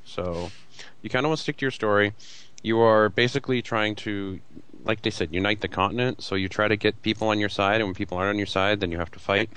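A man with a fairly low voice talks informally as a games panelist. He explains in a casual, conversational way, over a slightly noisy recording with clicks. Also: fast talker, a bit bright. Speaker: panelist on a video game discussion.

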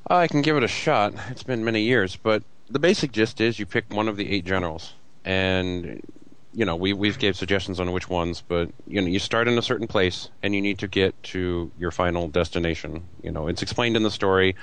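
A man's voice: low-pitched, a little fast, a bit bright, a little hiss or hum. A man chatting casually as a panelist, explaining things informally in a conversation about video games. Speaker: panelist on a video game discussion.

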